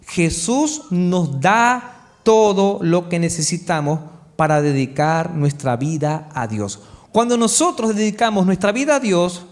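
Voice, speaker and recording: A male pastor delivers a sermon in a church hall, his voice sitting fairly high for a man. He keeps the congregation involved with call-and-response questions and slows right down on the words he wants to land. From Chile. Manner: call-and-response preaching, asks the congregation to answer; stretches key words slowly for emphasis.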